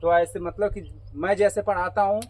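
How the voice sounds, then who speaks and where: A man's voice: high-pitched, steady tone, normal speed, a little mellow, rough recording. A man teaching a math class to students. He keeps asking the class questions and repeating their answers. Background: students answering in chorus.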